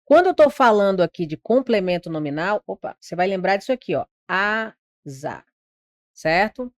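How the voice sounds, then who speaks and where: A woman's voice: medium pitch, lively intonation, fairly quick, a little mellow, no echo. A Brazilian woman teaching grammar for exam prep, her voice recorded close and dry with no room sound. She explains patiently, poses questions to her students and stretches out words to mark their stressed syllables. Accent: Brazilian Portuguese. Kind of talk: online grammar lesson.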